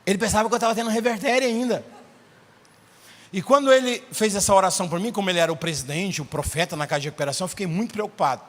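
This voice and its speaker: High-voiced Brazilian man preaching. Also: racing, long reverb tail. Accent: Brazilian Portuguese. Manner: animated, acts out dialogue. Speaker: pastor. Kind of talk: storytelling sermon. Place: church.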